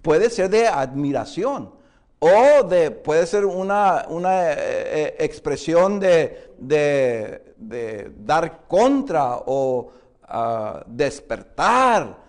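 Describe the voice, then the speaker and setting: A man teaching a Bible interpretation course to a class, questioning students often and pausing with fillers. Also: a little high, very animated, a little mellow. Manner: explains with many questions to the class and "hermanos"; hesitant, frequent "eh" fillers and restarts. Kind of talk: classroom lecture.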